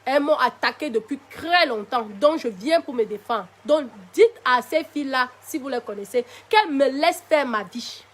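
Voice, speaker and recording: A woman's voice: sits high, animated, normal speed, hardly any pauses. A woman with a Cameroonian French accent talking live to her viewers, defiant and tired, her voice still recovering. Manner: defiant, addresses viewers directly with pet names. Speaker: live-stream host. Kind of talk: casual live-stream monologue.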